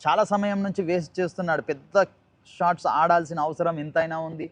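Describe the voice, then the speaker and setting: A man's voice: on the high side, steady tone, quick pace, dry recording. A man with a Telangana Telugu accent giving live cricket commentary, repeating and rephrasing himself and mixing in English cricket terms.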